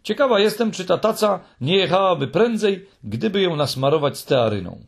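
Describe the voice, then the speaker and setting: A tiny, bold little girl creature, put on by a man, brisk and teasing. The voice sits high and stays a bit husky. It comes from a children's storybook reading. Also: very animated, exaggerated voice.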